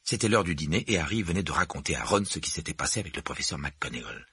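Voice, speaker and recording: Man reading a story, raspy and bright. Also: very deep voice, fast talker, no echo. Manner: expressive, does character voices. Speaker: audiobook reader. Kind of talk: scripted story narration.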